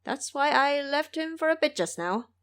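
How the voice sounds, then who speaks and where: A woman voicing a proud, impulsive male monkey immortal in an audio drama, boastful and brisk. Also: high-pitched, lively intonation, a bit bright, pitched above the performer's own voice. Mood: hurried, defensive. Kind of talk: audio drama character acting.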